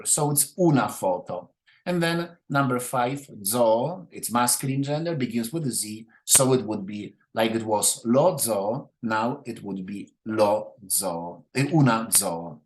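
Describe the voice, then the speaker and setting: A man's voice: fairly low pitch, lively intonation, darkish tone. Patient male Italian teacher. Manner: patient, repeats forms slowly and checks with "right?". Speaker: language teacher. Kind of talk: classroom grammar explanation.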